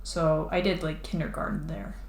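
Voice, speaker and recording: Streaming live as she draws a comic, a woman chats casually and rambles, with many fillers and restarts. Her voice is low, her intonation fairly even, and her pace moderate, in an echoey room with faint background noise.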